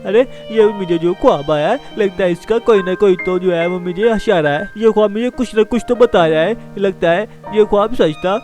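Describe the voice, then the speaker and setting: A man's voice: sits high, moderate pace, few pauses, darkish tone, faint music behind, natural voice. A man voicing a small mischievous boy in a fan game role-play, whiny and given to panicky cries. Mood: sulky.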